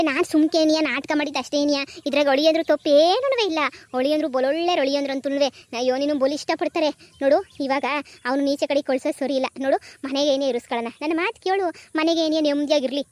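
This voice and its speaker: A woman's voice: high-pitched, no room sound, natural voice. A woman voicing a soothing older village mother in a cartoon comedy, with a coaxing, peace-making manner. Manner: coaxing, pleading to keep the peace.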